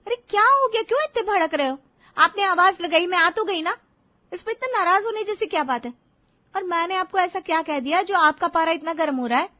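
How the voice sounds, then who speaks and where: A woman doing a high, defensive young wife. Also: brisk, a bit bright. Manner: defensive, exasperated. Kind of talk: Hindi cartoon voice acting.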